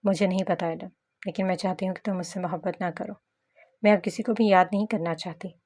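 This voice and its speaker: A woman voicing a grieving, guarded young woman who answers calmly and with resignation in a romance novel reading. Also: lowish voice, brisk. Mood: resigned. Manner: calm, resigned.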